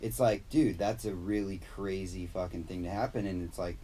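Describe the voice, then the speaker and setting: A man's voice: low-pitched, fairly even intonation, moderate pace, dark tone, a little hiss or hum. A young man chatting casually as an interview guest, laid-back, slangy and sweary. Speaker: interview guest, motocross rider. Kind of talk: casual chat.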